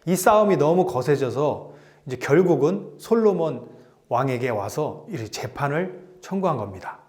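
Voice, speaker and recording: A man giving a lecture to elderly students, retelling a story with lively swings and frequent fillers. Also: medium pitch.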